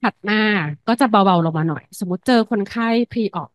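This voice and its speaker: A woman's voice: mid-range voice, moderate pace, no room sound, rough recording. A woman lecturer in internal medicine giving a medical lecture, explaining step by step and dropping English medical terms into her speech.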